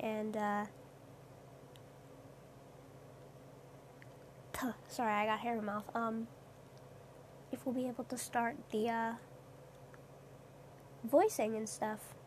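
A woman's voice: fairly high pitch, a little mellow, slight background noise. A young woman streamer rambling hesitantly in a casual late-night chat, with lots of fillers.

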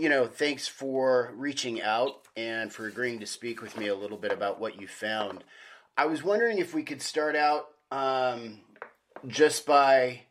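A man's voice: medium pitch, a bit bright. A middle-aged man hosting a podcast, narrating from a script and interviewing people. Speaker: podcast host and author.

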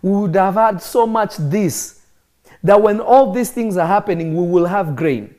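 A man's voice: high-pitched, measured pace, warm tone. A man, preaching to people watching online and driving points home by repeating phrases. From Kenya. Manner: emphatic, repeats phrases for effect. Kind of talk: live-streamed sermon teaching.

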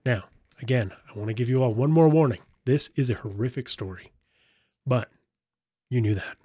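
Male podcast host, mid pitch, dry close mic, joking and profane. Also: normal speed, warm tone, husky, dry recording. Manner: joking and profane, laughing often. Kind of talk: casual true-crime podcast chat.

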